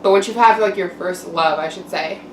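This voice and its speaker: A young woman talks casually to camera as a vlogger, candid and reflective. Her delivery is halting, with frequent pauses. The sound is echoey and set back from the mic, with faint noise behind her. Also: lowish voice. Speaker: mukbang vlogger. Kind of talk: casual personal monologue to camera. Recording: roomy echo, distant mic, background noise.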